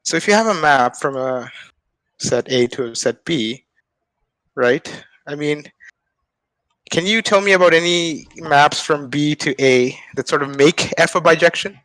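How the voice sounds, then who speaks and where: A man's voice: a little high, a little slow, fairly bright tone, no echo, low-quality recording. A young man, a math student, casually explaining ideas over a video call, full of hedging fillers and checking in with "right?". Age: young adult. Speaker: guest speaker, math student. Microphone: video call mic.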